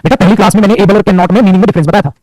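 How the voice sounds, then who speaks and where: A high-voiced male teacher talks fast and swoops up and down as he lectures. His voice is a bit husky and sits close and dry on the mic. He teases and scolds his students as he goes. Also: a little mellow, dry recording, rough recording. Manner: scolding, teasing, calls students beta. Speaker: English grammar teacher. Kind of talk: classroom lecture in Hindi mixed with English.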